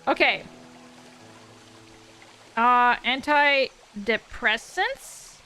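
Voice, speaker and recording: A woman horror game streamer giving chatty, expressive, informal live commentary. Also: on the high side, drawn-out words, smooth, faint music behind.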